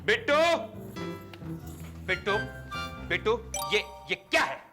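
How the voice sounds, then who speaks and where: A man's voice: high-pitched, wildly swooping pitch, slow pace, creaky, full character voice. An actor playing an exasperated, bumbling father in a TV sitcom who scolds and teases his son with sarcasm. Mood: scolding. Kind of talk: TV sitcom acting. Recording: loud background music track.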